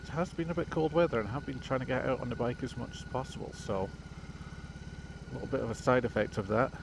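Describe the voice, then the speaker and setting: Riding a motorcycle on the road, a man with a sniffly, slightly blocked nose reviews the bike and narrates each move in a chatty way. His mid-range voice is quick and gravelly, picked up by a chin-mounted action camera under loud engine and wind noise.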